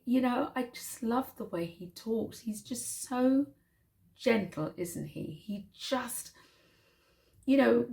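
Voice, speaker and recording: A woman hosting her own vlog channel, chatting casually and gushing with soft, drawn-out emphasis. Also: fairly low pitch, gravelly. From United Kingdom. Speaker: channel host.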